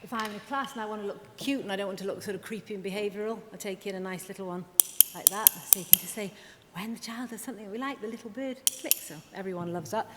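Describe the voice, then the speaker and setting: In an echoing hall with a low rumble in the background, a speech and language therapist from Wales presents at a conference. She keeps things chatty, tossing in quick asides and poking fun at herself.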